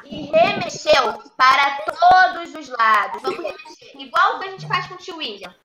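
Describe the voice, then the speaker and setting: A woman's voice: high voice, expressive, normal speed. Coaxing woman teacher reading to children. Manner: coaxing, prompting children to join in. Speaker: preschool teacher. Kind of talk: reading a picture book to children in a live class. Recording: echoey room with clear noise.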